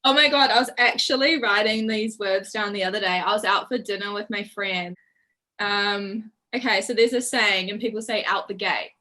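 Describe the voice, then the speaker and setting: A woman's voice: mid-range voice, fairly even intonation, moderate pace, pushed and bright, poor audio. A young woman with a New Zealand accent, chatting casually as a podcast guest, laughing often and leaning on "like". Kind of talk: casual interview chat.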